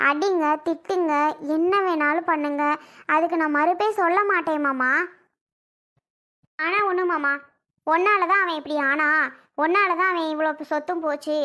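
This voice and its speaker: Woman playing a shrill pleading mother. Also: bright, forceful tone. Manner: pleading and self-blaming, often tearful. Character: pleading mother, wife of a failed son. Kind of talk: amateur family drama skit.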